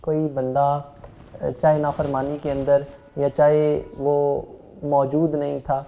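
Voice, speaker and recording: A man's voice: fairly high pitch, monotone, narrow, tinny audio, a little hiss or hum. A man with a Pakistani Urdu accent, hosting a religious TV talk show, agreeing with the guest and asking him questions. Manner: affirming, asks questions to the guest. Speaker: TV host.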